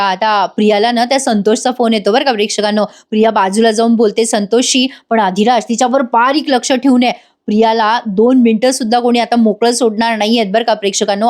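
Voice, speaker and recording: A woman's voice: fairly high pitch, a little mellow. A woman giving a chatty voice-over recap of a TV serial, often addressing the viewers and acting out the dialogue.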